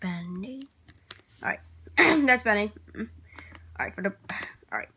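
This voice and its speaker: Woman rambling through a vlog, bright sharp voice, keeps going all right and sorry. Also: fairly high pitch, wildly swooping pitch, normal speed. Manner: hesitant and rambling, repeats and restarts words, keeps clearing throat and apologizing. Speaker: vlogger. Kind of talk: casual vlog talk while working at a computer.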